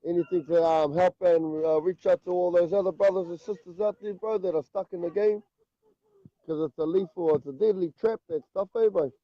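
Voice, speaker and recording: A man's voice: high-pitched, steady tone, a little fast, dry recording, lo-fi sound. A man with a broad New Zealand accent talking casually and earnestly as a guest caller, in a brotherly, slangy way. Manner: repeatedly punctuates phrases with "bro". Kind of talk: casual, earnest motivational talk.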